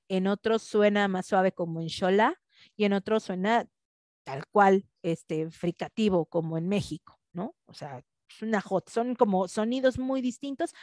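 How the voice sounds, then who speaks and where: A woman's voice: mid-range voice, a little mellow, no echo, clean studio sound. A woman teaching a class in a conversational way, often checking in with tag questions. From Mexico. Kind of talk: online class lecture.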